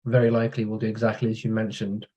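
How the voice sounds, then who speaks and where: On a podcast, a male guest with a warm, mellow, lowish voice chats casually and at a fast clip, spinning long tales from his working life. He relaxes into the storytelling and briefly mimics the voices of the people he quotes. The recording sounds muffled.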